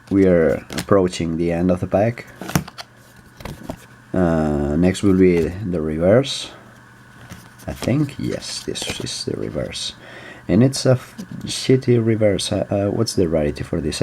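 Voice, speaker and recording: A man's voice: low-pitched, warm tone, slight background noise. A man with a Spanish accent, rambling casually as a vlog host, with many fillers and restarts and some casual swearing. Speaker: video host.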